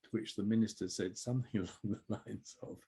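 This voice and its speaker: A man's voice: on the low side, steady tone, a little fast, gravelly, dark tone, slightly rough. An older man telling stories as an interview guest, reflective and chuckling now and then. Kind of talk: conversational storytelling.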